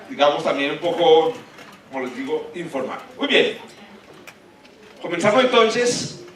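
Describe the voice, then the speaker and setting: A man with a Paisa Colombian accent hosting an informal science talk, halting and colloquial, his articulation slightly awkward from new dental braces. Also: on the high side, fairly bright tone. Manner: colloquial, halting, searching for words. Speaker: colloquium host, astronomer. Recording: echoey hall, far from mic, faint noise.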